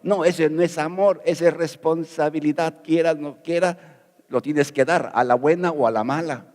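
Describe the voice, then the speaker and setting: A man's voice: fairly high pitch, steady tone, moderate pace, darkish tone, long reverb tail. A middle-aged man from Peru preaching a sermon as pastor, folksy and jokey, asking rhetorical questions.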